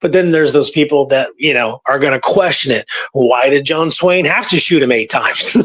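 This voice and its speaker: Chatting informally about history on his podcast, this host explains things and repeats points to stress them. He speaks at a moderate pace with a medium pitch and a somewhat bright tone.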